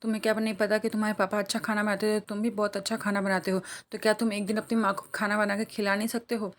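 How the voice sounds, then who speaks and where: Fast, flat-toned woman recapping a serial. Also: mid-range voice. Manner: brisk retelling, reads quoted lines in her own plain voice. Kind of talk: rapid plot-recap narration.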